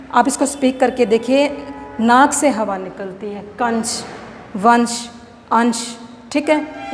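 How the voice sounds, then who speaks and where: A woman with a Haryanvi accent teaching a grammar lesson, explaining step by step and often checking whether it is clear. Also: on the high side, darkish tone. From India. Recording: echoey room with long reverb, faint noise.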